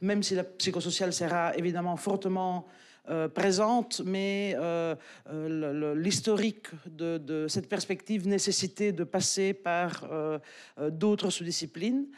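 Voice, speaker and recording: A woman in her forties from Italy gives a conference talk into a handheld mic in a lecture hall, speaking French with an Italian-Belgian accent. She is hesitant, with many fillers and restarts, and her lowish voice is steady, measured, and a little mellow.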